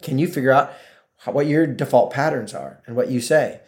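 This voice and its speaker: A man's voice: medium pitch, brisk, a little mellow. A middle-aged man hosting a solo podcast in a casual way, often acting out quoted voices of friends. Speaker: podcast host.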